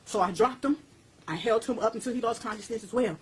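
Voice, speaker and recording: In a low-quality recorded interview with slight background noise, a woman speaks quickly in a voice on the high side. She's intense, blunt, and profane, her voice rising as she gets heated recounting events.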